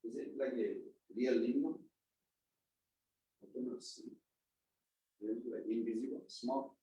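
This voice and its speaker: A man's voice: mid-range voice, a little slow, mellow. A man giving a scripture class, talking casually, quizzing his listeners and chanting verses. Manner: conversational, quizzes the audience. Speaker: spiritual class speaker. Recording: echoey room, mic far off.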